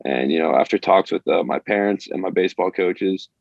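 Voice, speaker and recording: A young man from Maine, USA, a college baseball player, answers interview questions with hesitation, fillers, and restarts. His low, gravelly, darkish voice moves fairly quickly, recorded with no echo on dull lo-fi audio.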